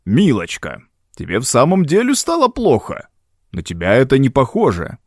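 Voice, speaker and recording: A man's voice: mid-range voice, huge pitch swings, moderate pace, no room sound, clean studio sound. A man voicing a big, commanding doctor who speaks in a firm, businesslike way. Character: big, commanding middle-aged male doctor, brisk.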